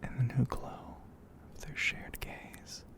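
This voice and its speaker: Whispering softly and breathily right up against the mic, a man tells an ASMR story. He speaks slowly and poetically, pausing often.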